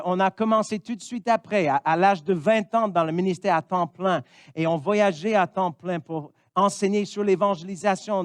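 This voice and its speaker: A man's voice: sits high, smooth, no echo. A man in his fifties from Missouri, a pastor, preaching a sermon in an earnest way and often saying amen. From Missouri, United States.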